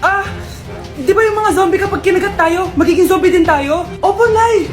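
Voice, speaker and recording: An extremely high, excitable comedy skit voice, exclaiming with melodrama. The sound is echoey, with music clearly behind it. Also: female voice, normal speed. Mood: frantic. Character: excitable high-voiced characters in family squabble skits. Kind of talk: exaggerated comedy skit dubbing.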